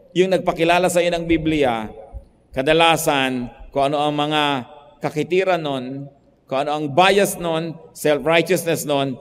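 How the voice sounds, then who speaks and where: Male pastor mid-sermon, raised voice, shifts from hushed to emphatic; long hall reverb. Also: on the high side. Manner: preaching in Tagalog mixed with English, swinging from soft to emphatic.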